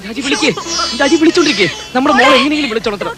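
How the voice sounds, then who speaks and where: A desperate father in a film drama, near tears, calling out names over and over. The voice sits very high and moves quickly, rising and falling with feeling. A film score swells behind him. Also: expressive, loud music behind the voice, over a noisy crowd. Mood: pleading desperate. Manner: urgent, pleading, repeats names. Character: frantic young father pleading with his wife. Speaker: father of a trapped girl.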